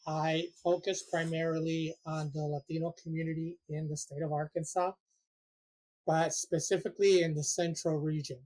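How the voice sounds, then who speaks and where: Earnest Puerto Rican-born man, flat delivery. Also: on the high side, moderate pace. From Puerto Rico. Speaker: support group facilitator. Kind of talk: interview answers.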